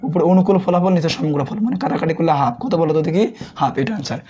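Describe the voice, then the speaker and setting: A young man from Bangladesh with a sore throat, teaching a fast revision math class and quizzing students, then answering his own questions. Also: fairly high pitch, dark tone, breathy edge, dull audio. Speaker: math tutor.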